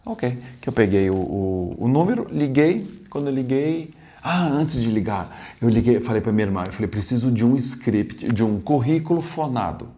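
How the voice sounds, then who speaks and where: A man from Brazil at an ordinary mid pitch recounts a travel story straight to camera. He talks in a lively, meandering way, jumping up and down in pitch and loudness. He keeps restarting his sentences and adding asides as he goes. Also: normal speed, hardly any pauses. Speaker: travel vlogger. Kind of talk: casual storytelling.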